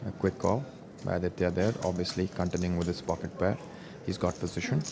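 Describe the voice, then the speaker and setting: A man giving live poker commentary in a measured, explanatory way. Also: sits low, fairly even intonation, vocal fry. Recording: noisy live-event ambience.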